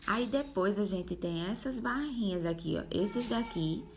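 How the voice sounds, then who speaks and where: A woman's voice: medium pitch, lively intonation, unhurried. A woman teaching young children, explaining a worksheet patiently step by step and sounding out syllables. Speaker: primary school teacher.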